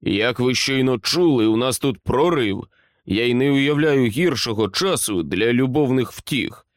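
A man reading aloud, playing a stern middle-aged general who talks in a clipped, commanding, measured way. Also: medium pitch, animated, dry recording, studio quality, natural voice. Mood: menacing.

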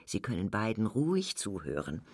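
A sly, taunting voice that needles an aging listener. It is husky and gravelly, with lively, swooping pitch, and it slips into soft whispers. The sound is close and dry, as in a radio play. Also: female voice, moderate pace, no echo, heavily acted. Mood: coaxing. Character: taunting voice that mocks an aging woman. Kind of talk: literary radio drama.

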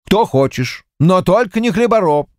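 A man doing a high mocking village accountant. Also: lively intonation, normal speed, a little mellow, no room sound, clean studio sound. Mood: teasing. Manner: teasing, needling.

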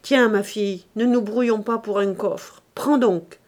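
A woman narrator, with a mid-range, unhurried, slightly mellow and natural voice, voices a miserly old cooper from a classic novel. Coaxing yet flustered, he blusters at his family and cajoles them in exclamatory bursts, wheedling phrase after phrase.

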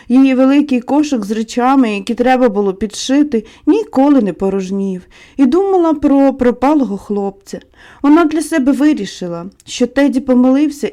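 Woman audiobook narrator, fairly high pitch, mellow tone, calm and measured delivery.

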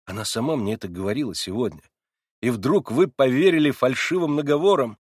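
A man reading a novel aloud and voicing an earnest grown man who reproaches steadily and gravely. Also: medium pitch, lively intonation, fairly quick, dry recording, clean studio sound. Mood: reproachful.

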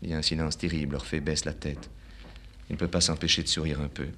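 Man reading stage directions: very deep, measured, bright. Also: level tone, slight background noise. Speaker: reader. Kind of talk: dramatic play reading.

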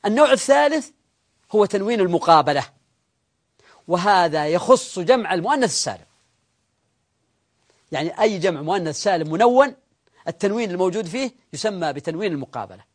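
A man's voice: sits high, expressive, fast, long pauses. A man teaching a live Arabic grammar class, explaining step by step and putting questions to his students.

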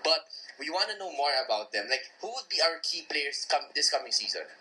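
A man hosting a casual sports podcast, animated and quick to laugh. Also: on the high side, low-quality recording. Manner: animated, laughing, restarts often. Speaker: podcast host.

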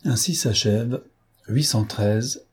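A male audiobook narrator with a low, husky voice, reading in a slow, measured way. His tone is dark and mellow throughout. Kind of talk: scripted narration.

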